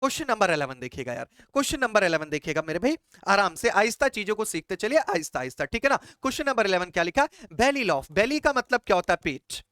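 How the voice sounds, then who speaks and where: Chatty Indian male teacher, crisp dry voice. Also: high-pitched, sing-song, fast talker, hardly any pauses, a bit bright, no room sound. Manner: repeats questions to students and answers them himself; chatty, calls listeners brother and child. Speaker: English exam teacher. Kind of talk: lively classroom explanation.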